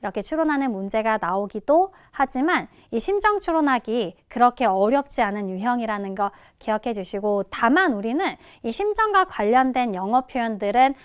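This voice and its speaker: A woman teaching English listening in a recorded lecture, addressing students casually and modelling each word's pronunciation slowly. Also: on the high side, clean tone, dry recording, studio quality.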